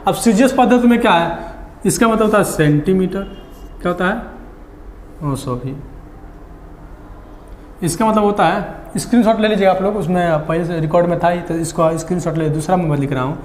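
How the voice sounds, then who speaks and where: A man teaching a lesson, asking questions and answering them himself, repeating key words slowly. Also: high voice, darkish tone, slight background noise. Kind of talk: classroom lecture. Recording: echoey hall.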